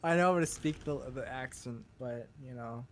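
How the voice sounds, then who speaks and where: Young Minnesotan guy, rambling and giggly, casual talk over faint background hiss. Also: mid-range voice. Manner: rambling, laughs often, halting restarts. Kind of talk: casual chat.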